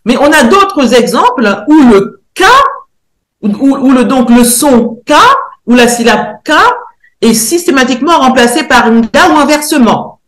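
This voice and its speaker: Woman lecturing real slow, bit high voice, lots of pauses, echoey room. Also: expressive. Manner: hesitant, searching for words, slow careful spelling out of sounds. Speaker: researcher and theologian presenting a decoding. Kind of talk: lecture presentation.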